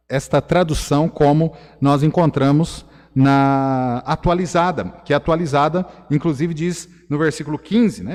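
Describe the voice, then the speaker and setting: A man's voice: on the high side, a little mellow. Man preaching in a reverberant hall. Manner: earnest preaching, frequent "né" fillers. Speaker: pastor. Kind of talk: sermon.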